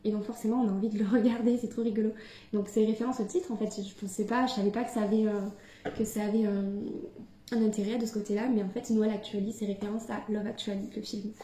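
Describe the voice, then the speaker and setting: A woman's voice: medium pitch, little pitch movement, fast, dark tone. A young woman book vlogger chatting casually to camera at home, hesitant with many fillers and restarts. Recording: echoey room.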